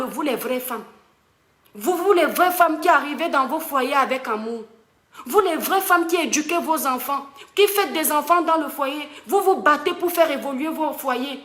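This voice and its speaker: A woman lectures her followers in a high, sharp-edged voice. She talks casually but emphatically, preaching warnings and asking them directly if they are listening. The recording has a roomy echo. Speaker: online advice host. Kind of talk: casual advice monologue to followers.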